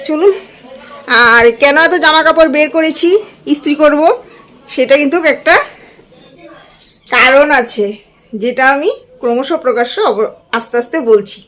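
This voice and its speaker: A woman's voice: high voice, moderate pace, long pauses, fairly bright tone, a faint crowd. A young woman chatting to viewers in a casual home vlog, now and then cooing to her baby as she goes about her chores. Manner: chatty, addresses viewers directly, coos baby talk at her infant. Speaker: vlogger and young mother. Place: at home, bedroom and kitchen.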